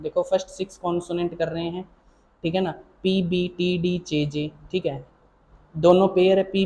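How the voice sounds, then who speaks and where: A male shorthand teacher talks through his lesson in a mellow, soft-edged voice at a middling pitch. He is patient and repetitive, often pausing to check that his students are following. He fondly calls them child or dear, and a faint hiss of noise sits beneath him. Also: low-quality recording. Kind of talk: explaining a lesson.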